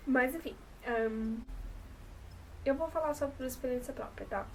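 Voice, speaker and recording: A woman's voice: sits high, slow pace, recorded from a distance, a little hiss or hum, rough recording. A woman in her twenties with a São Paulo coast Brazilian Portuguese accent, chatting casually to camera in a rambling, self-correcting way. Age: 20s. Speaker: vlogger.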